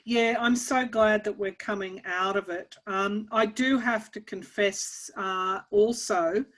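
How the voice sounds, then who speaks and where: A woman's voice: medium pitch, fairly even intonation, slow pace, fairly bright tone. An Australian woman hosting a spiritual channel, talking casually with many restarts and fillers. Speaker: tarot channel host. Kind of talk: casual conversation.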